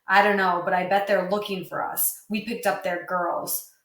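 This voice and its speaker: Quiet, tense teenage gang boy, read by a woman. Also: little pitch movement, normal speed, lightly acted. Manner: low, tense, clipped. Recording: roomy, distant mic.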